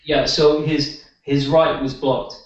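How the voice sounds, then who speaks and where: Speaking slowly in a flat, higher-pitched voice, the energy healer shares anecdotes during a casual interview, stopping and restarting as he goes. The sound is distant and echoey, with a somewhat dull quality.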